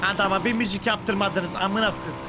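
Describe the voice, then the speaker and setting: A young man streaming a game, chatting profanely and joking, flaring into mock-angry shouting. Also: sits high, steady tone, normal speed, heavy background noise. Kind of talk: casual live-stream gaming commentary. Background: music.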